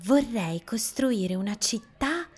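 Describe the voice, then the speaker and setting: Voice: medium pitch, animated, slow pace, husky, soft background music, pitched above the performer's own voice. A woman voicing an imaginative young child in a children's story, cheerful and exclaiming.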